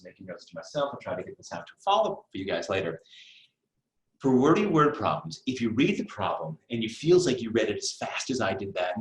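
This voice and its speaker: A middle-aged man teaching a live online test prep class in a conversational way, with fillers and asides. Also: fairly low pitch. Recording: roomy echo.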